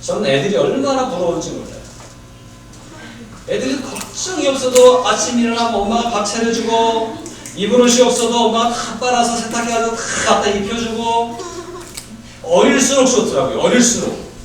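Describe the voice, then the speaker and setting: Male pastor preaching in an echoey church. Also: fairly quick. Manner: conversational, quizzes the congregation with rhetorical questions; swings between lively raised passages and quiet low asides. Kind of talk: sermon. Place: church sanctuary. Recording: very echoey church, mic far off.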